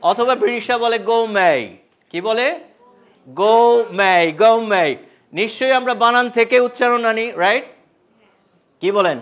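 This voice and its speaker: High-voiced man teaching a class. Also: brisk. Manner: animated, quizzes the audience, mixes English into Bengali. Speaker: English communication trainer. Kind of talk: live classroom workshop.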